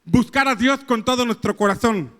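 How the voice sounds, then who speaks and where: A man's voice: very high-pitched, moderate pace, fairly bright tone. A man preaching a sermon as pastor, repeating rhetorical questions and acting out the voices in the story.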